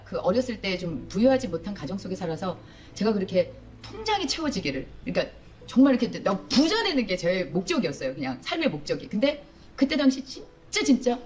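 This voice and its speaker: A woman comedian telling her personal testimony in a played video clip, animated and acting out her own outbursts. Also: mid-range voice.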